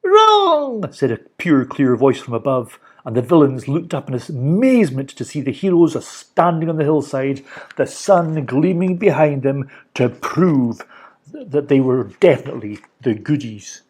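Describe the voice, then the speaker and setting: A man reading a children's storybook aloud for a library, animated and expressive. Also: medium pitch, moderate pace, husky. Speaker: library reader.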